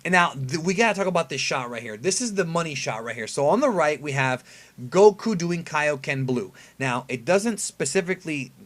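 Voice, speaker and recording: Higher-pitched man doing emphatic anime fan commentary. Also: lively intonation, moderate pace, a bit bright. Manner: conversational, emphatic, asks rhetorical questions. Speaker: anime review video host. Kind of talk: casual fan commentary breaking down an episode preview.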